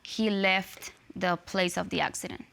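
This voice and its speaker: Her voice sits on the low side, steady, creaky and a bit bright, at a measured pace. She is a young Cuban litigant with Spanish as her first language and a Cuban accent, conversationally telling her side on a TV court show in a studio courtroom.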